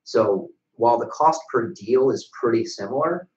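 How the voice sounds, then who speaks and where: A young American man co-hosts a webcast from a small, bright office, talking casually about business in a blunt, casually profane way. He speaks into a desk microphone on a stand at a moderate pace, with a medium-pitched voice, lively intonation, and a darkish tone. The room is echoey and the sound dull.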